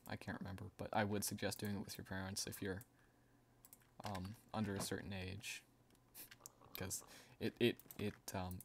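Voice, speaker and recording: A man's voice: fairly low pitch, vocal fry, background noise. A man livestreaming a game, chatting casually and rambling while reading out viewer messages, laughing now and then. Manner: rambling, chatty, laughs often and reads out chat. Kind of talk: casual gaming stream chat.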